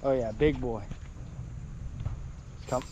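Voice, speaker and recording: Slow-talking young man cheering by a canal. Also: medium pitch, fairly even intonation, dark tone. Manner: hyped, drawn-out cheering. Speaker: fishing buddy. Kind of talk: excited outdoor fishing banter. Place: outdoors by a canal. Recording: outdoor noise from water and wind.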